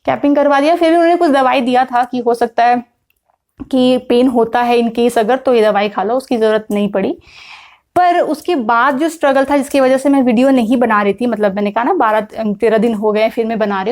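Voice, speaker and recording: A woman's voice: high-pitched, a little mellow. A young woman from India chatting to camera in a casual vlog, mixing English words into her talk with frequent fillers. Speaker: vlogger.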